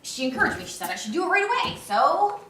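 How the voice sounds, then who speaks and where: A woman's voice: high voice, sing-song, quick pace, fairly bright tone, a little hiss or hum. A woman playing an anxious, playful young woman in love in a live stage play. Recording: roomy stage, mic far off.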